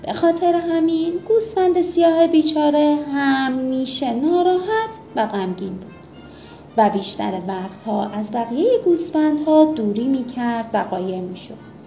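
A woman reading a children's story aloud, gently and expressively. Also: high-pitched, lively intonation, faint music behind.

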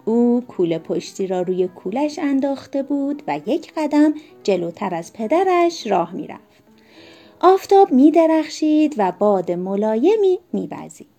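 Woman reading a kids story, mellow voice, soft music behind. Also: medium pitch. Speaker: narrator.

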